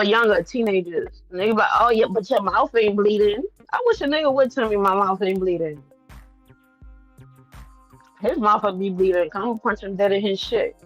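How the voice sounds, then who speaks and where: Female livestreamer, medium pitch. Candid, profane, emphatic repetition, faint music underneath. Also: fairly bright tone, dry recording, dull audio. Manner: blunt, profane, repeats phrases for emphasis. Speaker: livestream host. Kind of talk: casual, candid livestream chat to viewers.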